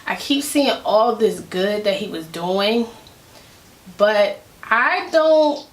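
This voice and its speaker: A woman's voice: mid-range voice, expressive, slow. Chatty woman vlogger in an echoey room. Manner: chatty, opinionated, rambling asides. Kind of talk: casual commentary to camera.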